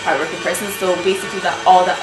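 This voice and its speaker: A woman's voice: lowish voice, fairly even intonation, rapid-fire, echoey room, low-quality recording. Young woman, 19, from nigeria, rambly chill answers, music in the background. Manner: chatty, many fillers like "um" and "you know". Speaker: interview guest, fashion blogger. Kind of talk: casual interview chat.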